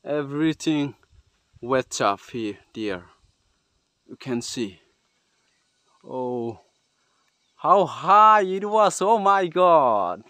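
A man narrates his outdoor exploration vlog. His voice sits high for a man, and he goes slowly in short, halting phrases, often repeating himself. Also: lively intonation, pushed and bright, no echo. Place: outdoors on riverbed, hillside and forest.

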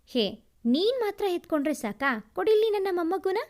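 A woman's voice: extremely high pitch, big pitch swings, brisk, a little mellow, voice pushed up. A woman voicing a doting, emotional elderly grandfather in a storybook reading. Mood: eager. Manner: eager, affectionate.

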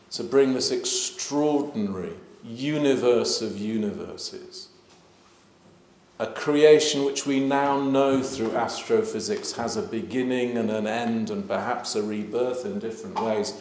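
A clergyman, giving a measured, emphatic talk at an interfaith event. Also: medium pitch, darkish tone. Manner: measured, emphatic, gesturing while speaking. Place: large plain hall. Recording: echoey hall.

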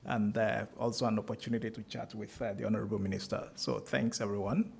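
An older man moderating a panel as center director, brisk and polite as he wraps up the session. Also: on the low side, steady tone, gravelly, darkish tone, a little hiss or hum. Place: lecture hall stage, seated in armchair.

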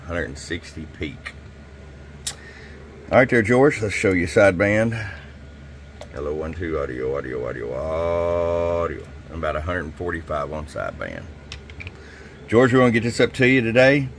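A man's voice: sits low, sing-song, normal speed, long pauses, slight background noise. A man who runs a radio shop, giving a casual tune-up report in a folksy, chatty way and speaking straight to his customer.

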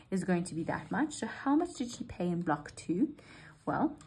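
A woman's voice: fairly low pitch, gravelly, darkish tone, breathy edge, low-quality recording. A woman, walking students through an exam paper step by step in a patient, reassuring way. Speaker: maths literacy teacher.

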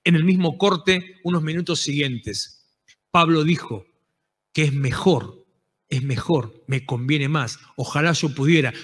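Pastor, Rioplatense man, fiery sermon delivery; high, bright voice in a reverberant church hall. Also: husky. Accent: Rioplatense Spanish. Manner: impassioned preaching, rising to shouted exhortations.

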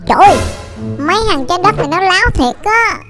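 A woman voicing a bratty, boastful young boy artist who is brash, bossy and quick to take offence. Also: extremely high pitch, animated. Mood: defiant. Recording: loud music behind.

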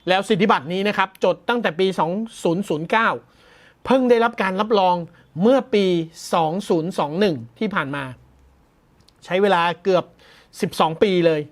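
A male tech news host talks through the story in a loose, conversational way. He sounds amused and chuckles often, slowing down when he reads out technical terms. The delivery is casual and reactive, not scripted. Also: high-pitched. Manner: chatty and amused, laughs often, mock-shouts.

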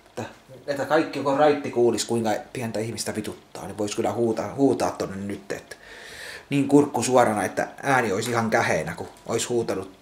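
A man rants into the camera at home, swearing and circling back over the same words as he stumbles along. His voice sits at an ordinary middle pitch, and the room around him rings with a clear echo. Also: darkish tone. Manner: swears constantly, repeats himself, restarts words. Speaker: vlogger. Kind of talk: angry rambling vlog rant. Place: at home indoors.

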